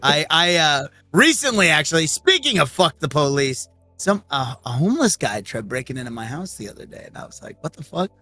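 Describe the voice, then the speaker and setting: A man's voice: on the high side, fairly quick. A man, a podcast guest and streamer, telling stories in casual, profane chat. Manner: profane, animated storytelling.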